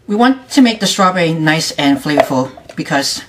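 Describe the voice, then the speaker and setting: A woman hosting a casual home cooking demonstration in her kitchen, talking in a halting, loose way with frequent restarts. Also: low-pitched, lively intonation, a bit bright. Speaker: home cooking show host.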